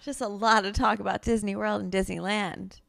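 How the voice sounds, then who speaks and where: Gravelly-voiced woman, hesitant and laughing. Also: medium pitch, fairly even intonation, moderate pace, a bit bright. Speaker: podcast co-host. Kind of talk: casual chat.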